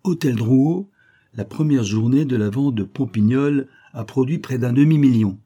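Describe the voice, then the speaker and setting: Male reader as a gossipy neighbor, excited, husky voice. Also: mid-range voice, normal speed, pitched above the performer's own voice, lightly acted.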